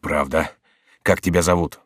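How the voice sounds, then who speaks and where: A man's voice: sits low, fairly even intonation, normal speed, no room sound, clean studio sound. A man voicing an enraged, scheming male lawyer who questions a captive in a harsh, menacing tone.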